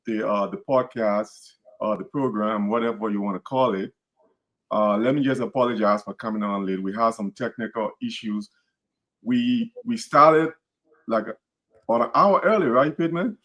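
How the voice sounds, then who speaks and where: Here a Liberian man hosts a podcast in a Liberian accent, using a mid-range, fairly bright voice at normal speed. Earnest and casual, he repeats words and keeps restarting phrases.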